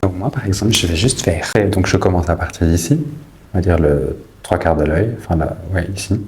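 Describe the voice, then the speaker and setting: A man's voice: low-pitched, a little fast, a little mellow, a little hiss or hum. A man chatting through a makeup tutorial, teasing his viewers with playful asides.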